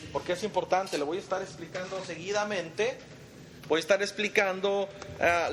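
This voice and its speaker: High-voiced man teaching a Bible study. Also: fairly bright tone. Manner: quizzes the group and calls them brother. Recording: long reverb, faint background noise.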